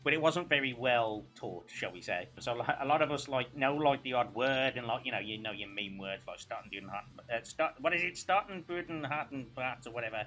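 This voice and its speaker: Guy hosting a stream chat, talks fast, bright forward voice, teasing and chatty. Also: mid-range voice, animated. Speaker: talk show host. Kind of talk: casual chat.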